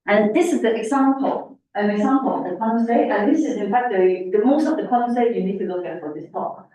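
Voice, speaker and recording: Casting: female academic lecturer, masked, soft dark tone, halting explanations, heavily reverberant room. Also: medium pitch. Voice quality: speaking through a face mask. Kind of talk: informal technical lecture. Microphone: distant room microphone. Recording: very echoey, distant, faint room noise.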